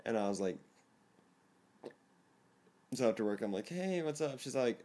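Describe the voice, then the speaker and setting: A teenage vlogger tells a story to his camera at a moderate pace in a casual, rambling way. He seems self-conscious, laughs often, and frequently jumps into a higher, excited voice.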